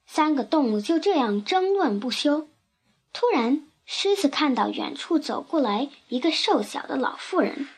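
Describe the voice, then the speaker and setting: Woman reading a kids' picture book, high lively voice, slow and expressive. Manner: expressive, storytelling. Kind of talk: storybook read-aloud narration.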